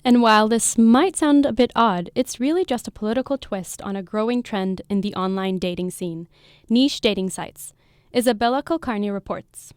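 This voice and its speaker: A woman anchor reading a scripted news introduction in a bright, emphatic way. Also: mid-range voice, normal speed, clear, resonant tone, dry recording, studio quality.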